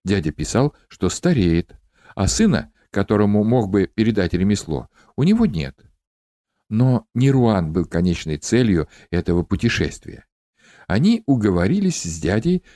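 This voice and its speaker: A man narrating a novel as an audiobook in a measured storytelling manner. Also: fairly low pitch, dark tone, no echo. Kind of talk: scripted narration.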